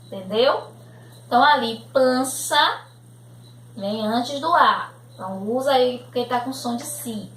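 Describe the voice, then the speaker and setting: A woman with a high, slightly bright voice and lively intonation speaks with a Brazilian accent. She's a primary school teacher patiently walking young children through a grammar lesson, going slowly and checking often with "né?" and "tudo bem?" to make sure they follow. The recording was made in a room at home and sounds echoey.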